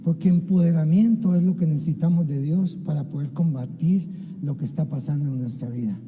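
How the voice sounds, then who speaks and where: A pastor with a fairly high, mellow voice preaches an impassioned sermon at a fairly quick pace in a church sanctuary, keeps calling out to listeners as "hermano," and acts out biblical dialogue. The low-quality recording has a big-room sound.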